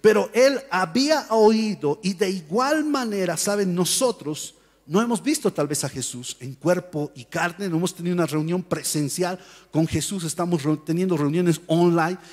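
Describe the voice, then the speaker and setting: High-pitched guy preaching in a church, acts out the stories, long echo in the hall. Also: moderate pace. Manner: animated storytelling, acts out voices and shouts. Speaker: pastor. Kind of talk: sermon.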